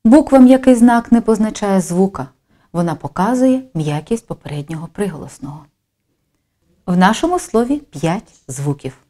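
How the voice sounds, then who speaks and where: A woman narrating a scripted primary-school phonics lesson, speaking slowly and deliberately and stressing each sound. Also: mid-range voice, animated, warm tone. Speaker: teacher.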